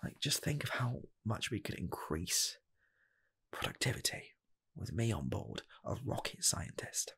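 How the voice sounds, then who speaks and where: In a comedic ASMR job interview, a man in his 20s roleplays an eager, nervous rocket scientist applying for fast-food work. His fairly low voice is soft, husky and gravelly, slipping into whispers, with big pitch swings and heavily acted delivery. He stammers haltingly and repeats phrases, sounding earnest and eager.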